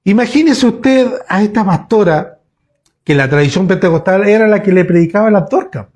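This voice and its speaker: A pastor preaches in a fairly high voice. He talks to his congregation in a loose, storytelling way, often breaking off and restarting his sentences. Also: expressive, moderate pace, a little mellow. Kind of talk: sermon. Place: church.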